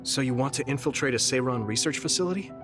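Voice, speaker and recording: Voicing a loyal, earnest young soldier in a game cutscene, a man delivers sincere reassurance in a lightly acted, medium-pitched voice at a quick pace. Game music plays under the audio.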